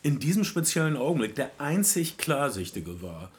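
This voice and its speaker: A man's voice: medium pitch, sing-song, moderate pace. A man co-hosting a podcast in casual chat, opinionated and sardonic, often restarting his sentences. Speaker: podcast co-host.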